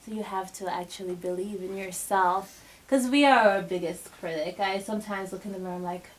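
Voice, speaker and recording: A woman's voice: medium pitch, steady tone, a little fast, rough recording. A young woman giving a casual motivational talk to a group of girls, chatty, with many fillers and restarts. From Bahamas. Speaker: guest speaker to a girls' group.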